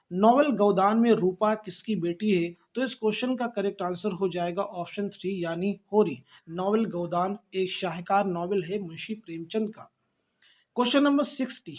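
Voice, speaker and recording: Male tutor with a high voice, drilling quiz questions for an exam and repeating each answer, on a slightly muffled recording. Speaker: teacher. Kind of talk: exam-prep lesson.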